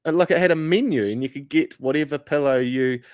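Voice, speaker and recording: A man's voice: fairly high pitch, a little fast, a little mellow, clean tone, no room sound, studio quality. A man co-hosting a podcast in casual chat, laid-back, laughing often and swearing casually. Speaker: podcast co-host.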